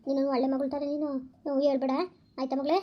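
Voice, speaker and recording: An actress playing a weary village mother who scolds fast yet accepts her fate. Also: sits high, flat delivery, lo-fi sound, lightly acted. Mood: resigned. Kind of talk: village family drama.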